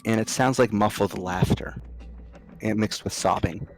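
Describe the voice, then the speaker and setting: A man narrating a tabletop game as game master, halting and descriptive as he improvises. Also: fairly low pitch, vocal fry, soft background music.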